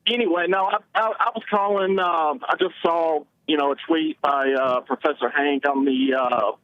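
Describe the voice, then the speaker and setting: A man with an Alabama Southern accent calling a show to discuss politics in a halting, wordy way. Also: fairly high pitch, no room sound. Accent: Alabama Southern American. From Alabama, United States. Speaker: first-time caller. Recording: muffled phone call.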